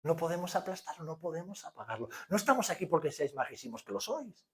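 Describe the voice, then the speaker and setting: A male pastor in his forties with an accent from Spain, preaching a sermon that swings from hushed to loud. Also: a little high, sing-song, quick pace. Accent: Spanish from Spain.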